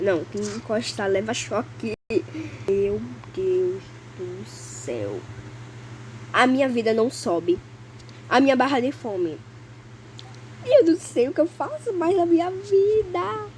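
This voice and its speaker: A Brazilian gamer with a Brazilian Portuguese accent and a fairly high voice narrates her own gameplay as let's play commentary. She's chatty and anxious, constantly calling out to her viewers, over a noisy background.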